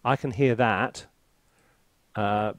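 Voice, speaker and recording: Speaking slowly in a fairly low voice with no echo, a composer thinks aloud through a casual tutorial and review of music software. He's playful, self-deprecating, and chatty, with orchestral sample music in the background.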